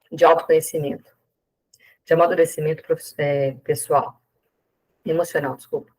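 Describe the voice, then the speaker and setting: A woman's voice: lowish voice, a little mellow, poor audio. A woman with a Brazilian Portuguese accent giving a conversational live talk to an audience, with frequent fillers and tag questions. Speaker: speaker giving a talk on self-sabotage.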